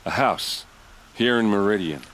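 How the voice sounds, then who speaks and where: In a rough recording with slight background noise, a man speaks unhurriedly in a fairly bright tone. He's an actor voicing a young male warrior in a video game who mourns his murdered sister, sounding earnest, pleading and low-voiced.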